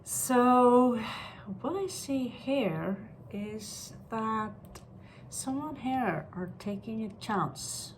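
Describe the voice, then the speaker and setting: A woman giving an unscripted tarot reading like a fortune teller, pronouncing on what the cards show in halting short phrases. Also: a little high, expressive, noisy background. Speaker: tarot card reader.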